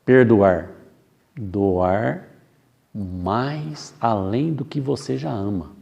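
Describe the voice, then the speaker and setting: A man giving a spiritist sermon as a lecturer, reflective and slow, asking rhetorical questions and acting out short dialogues. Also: lowish voice, vocal fry, darkish tone, dull audio. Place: spiritist center hall.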